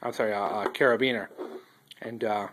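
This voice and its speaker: A man casually reviewing outdoor fire starters, talking in a relaxed, rambling way with many ums and restarts, recorded on a phone he holds while filming a tabletop indoors. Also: fairly low pitch, brisk, noisy background. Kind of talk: casual show-and-tell review. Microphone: handheld phone filming table close up.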